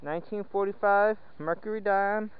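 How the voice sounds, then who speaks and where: A man chatting casually and playfully while metal detecting outdoors in the woods, excited over each find. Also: high-pitched, moderate pace. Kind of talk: casual outdoor vlog commentary. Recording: dull lo-fi outdoor audio with faint wind noise.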